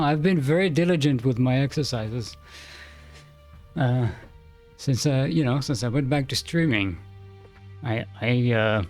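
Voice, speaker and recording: A man's voice: mid-range voice, darkish tone. Breathless, chuckling male streamer. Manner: laughing, rambling, self-interrupting. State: a little out of breath. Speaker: streamer host. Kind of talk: casual live-stream chat.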